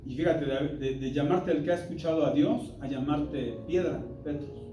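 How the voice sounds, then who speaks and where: A man's voice: a little high, moderate pace, background noise. A man teaching an interactive church Bible lesson, talking in an emphatic, conversational way and quizzing the listeners. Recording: roomy hall, distant mic, music behind.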